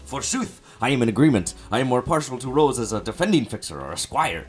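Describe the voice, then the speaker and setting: A man's voice: mid-range voice, sing-song, fast, breathy edge, soft background music, pitched above the performer's own voice. A man voicing a stiff, formal woman who speaks in ornate, old-fashioned phrases. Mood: pompous.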